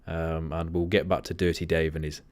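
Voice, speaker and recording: A man with a deep, low voice talks in a flat monotone during a casual livestream. He rambles and keeps getting sidetracked. The sound is close and dry, with no room echo. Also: brisk. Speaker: livestream host.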